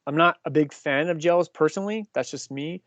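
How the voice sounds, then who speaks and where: A man's voice: on the high side, fairly quick, a bit bright, dry recording. Chatty fifty-year-old male cycling coach. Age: 50s. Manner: chatty, explanatory, asks the group questions. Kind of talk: casual team talk.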